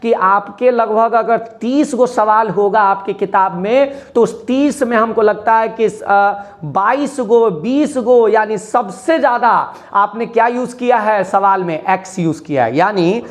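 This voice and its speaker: A woman's voice: mid-range voice, unhurried, hardly any pauses. A woman math teacher gives a classroom lesson to children. She repeats phrases, asks the class questions, and switches into English mid-sentence.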